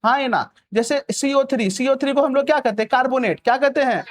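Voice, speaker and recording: A young man teaches a chemistry lesson in a very high, fast voice. He poses a question and answers it himself, repeats the key words, and keeps checking that his students are following.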